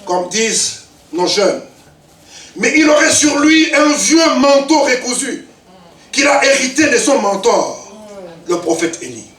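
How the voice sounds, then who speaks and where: A man in his fifties preaching a sermon, swinging between loud shouts and low, emphatic asides. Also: expressive, unhurried, pauses often. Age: 50s. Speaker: pastor. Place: church. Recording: echoey church hall, mic at a distance.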